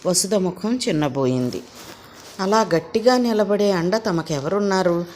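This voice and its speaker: A woman reading a novel for an audiobook, steady and expressive, with a mid-range voice that carries the story clearly. Her pacing is measured and even. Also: medium pitch, slight background noise. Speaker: audiobook narrator. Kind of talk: scripted novel narration.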